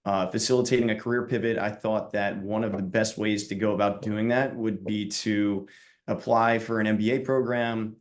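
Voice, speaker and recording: A young man from Long Island, New York introduces himself as a student panelist on a video call, relaxed and using many fillers. His voice is lowish and he talks at normal speed.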